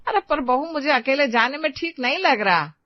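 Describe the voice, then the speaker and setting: A woman plays a grumbling older mother-in-law in an animated story, pitched up and shrill. Her complaints come out sharp and insistent. The sound is dry and a little dull. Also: moderate pace, dry recording. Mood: scolding. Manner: shrill calling, nagging scolds. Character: elderly scolding mother-in-law, complaining, stubborn.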